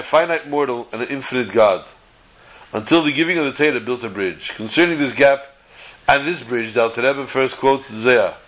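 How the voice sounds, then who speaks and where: Male rabbi, forceful bright voice, deliberate religious lecture, emphatic repetition. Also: medium pitch, poor audio. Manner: deliberate, didactic, repeating phrases for emphasis. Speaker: rabbi giving a Torah lesson. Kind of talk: religious lecture, reading and explaining texts.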